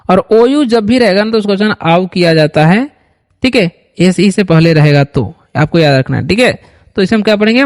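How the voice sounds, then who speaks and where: Male tutor, slow repeat-after-me delivery, high pitch, reverberant room. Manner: slow, repeats words for students to echo. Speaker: English teacher. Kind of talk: Hindi-medium reading lesson. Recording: long hall reverb.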